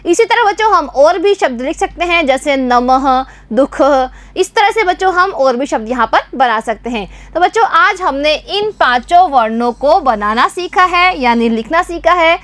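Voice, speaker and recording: A woman teaching young children to write letters, speaking slowly and clearly, repeating and quizzing them patiently. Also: sits high, animated, a bit bright, no echo. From Rajasthan, India. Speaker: primary school teacher. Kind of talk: slow, clear Hindi writing lesson for young children.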